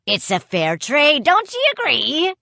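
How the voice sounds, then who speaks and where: A woman's voice: sits high, wildly swooping pitch, takes it slowly, gravelly, sharp tone, dry recording, voice pushed up, full character voice. A woman voicing a sly, grinning male pirate captain with a taunting manner. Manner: mocking, taunting.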